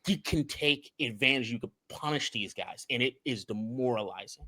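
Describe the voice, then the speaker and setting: A man co-hosting a casual sports podcast, talking in an animated way, swearing, laughing and restarting his words as he breaks down game film. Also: medium pitch, moderate pace. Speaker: podcast co-host and film analyst.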